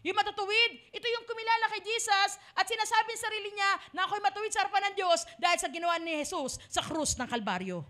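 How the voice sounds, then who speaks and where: A woman's voice: very high-pitched, quick pace, few pauses, sharp tone. A woman pastor with a Filipino accent preaching a sermon, dramatic and acting out the cries of the lost. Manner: dramatic, acts out voices of the lost.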